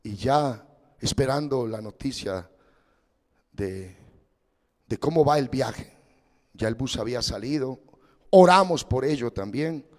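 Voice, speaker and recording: A pastor preaching a sermon as dramatic storytelling, his voice swinging between loud and hushed. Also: mid-range voice, animated, slow, long pauses, long reverb tail.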